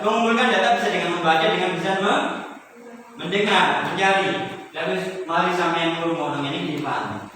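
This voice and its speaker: A man's voice: fairly high pitch, far from the mic, a little hiss or hum. Echoey man teaching class. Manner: lively, mixes Javanese words, asks the class questions. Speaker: religious teacher. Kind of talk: classroom religious lesson.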